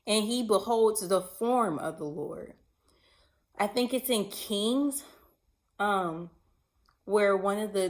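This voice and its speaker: Emphatic woman preaching casually. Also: lowish voice. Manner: conversational, emphatic, asks the listener questions. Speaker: bible teacher. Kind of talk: casual online sermon.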